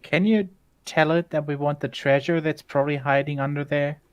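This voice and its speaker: A man's voice: a little high, steady tone, normal speed, dull audio. A man playing a tabletop role-playing game, chatting casually and playfully as he decides on his moves.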